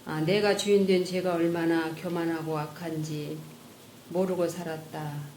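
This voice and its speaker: A woman's voice: low voice, steady tone, a little slow, darkish tone. A woman giving an earnest, emotional personal testimony before a church congregation. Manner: earnest, emotional storytelling, voices her own past thoughts. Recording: echoey church room with faint noise.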